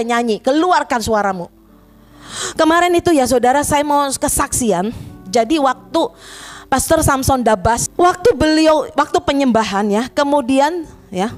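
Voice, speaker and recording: Woman pastor preaching, high voice, lively and emotional, soft music under it. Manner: animated, addresses congregation as "saudara", emotional retelling of prayer. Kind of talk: sermon. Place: church.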